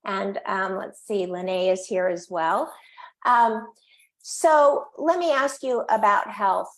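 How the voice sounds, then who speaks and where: A woman's voice: mid-range voice, slow pace. A woman in her sixties or older hosting a conversational interview, asking wordy questions and affirming the answers. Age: 60s or older. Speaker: interviewer, host.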